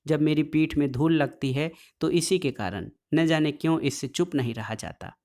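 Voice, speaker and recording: A steady, restrained village farmer, voiced by a man reading aloud. He speaks with firm, measured sternness, holding his temper in check. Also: fairly high pitch, natural voice. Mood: stern restraint.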